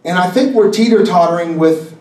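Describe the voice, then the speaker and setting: A pastor preaching an intense, impassioned sermon at a conference. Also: male voice, high voice, brisk, a little mellow. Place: conference hall. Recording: echoey hall, mic at a distance.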